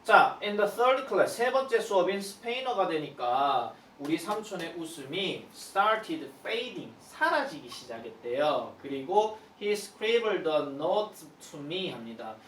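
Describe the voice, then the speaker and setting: A man's voice: a little high, fairly bright tone, distant mic, a little hiss or hum. Korean-speaking male teacher in an echoey room. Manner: explains slowly, mixes Korean with read-out English phrases. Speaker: high school English teacher. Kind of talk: textbook lesson explanation.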